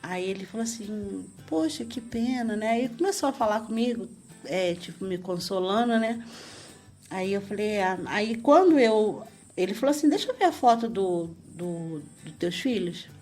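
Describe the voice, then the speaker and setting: A woman's voice: mid-range voice, animated, moderate pace, a little mellow, faint music behind. A woman, a guest on a radio interview, telling a personal story at length and acting out what people said. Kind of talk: personal testimony in conversation.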